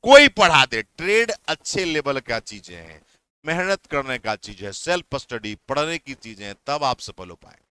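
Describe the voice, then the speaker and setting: A man's voice: mid-range voice, big pitch swings, moderate pace, pushed and bright, clear, resonant tone, dry recording. A young man who teaches exam coaching, giving heated, repetitive warnings to students. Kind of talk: impassioned advice talk to students.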